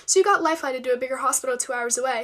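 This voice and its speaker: A young woman telling a storytime in a rapid, blunt way with casual swearing. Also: high-pitched, a bit bright. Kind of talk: storytime video to camera.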